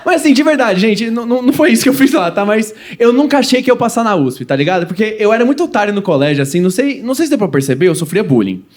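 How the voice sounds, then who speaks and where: Fast-talking young stand-up comic. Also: male voice, high-pitched, big pitch swings. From Goiás, Brazil. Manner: fast storytelling with acted quotes and audience laughs. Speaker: stand-up comedian. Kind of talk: stand-up comedy set. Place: comedy stage before a live audience.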